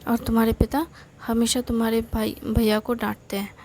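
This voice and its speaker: A woman's voice: a little high, little pitch movement, moderate pace, a little mellow, slight background noise, close to an everyday voice. A woman voicing a strict, middle-aged aunt who speaks in a firm, scolding way.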